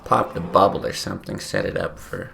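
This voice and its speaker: Sleepy gravelly low-voiced male streamer. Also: wildly swooping pitch, a little fast, sharp tone, slight background noise. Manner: laid-back, thinking aloud with many fillers. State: sleepy, morning voice. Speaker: game streamer. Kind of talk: casual gameplay commentary.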